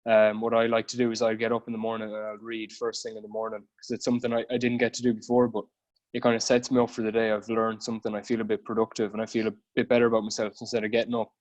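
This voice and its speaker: A man's voice: on the low side, completely flat delivery, quick pace, a little mellow. A man from Galway with a west of Ireland accent, explaining things informally as a guest personal trainer in a casual podcast interview.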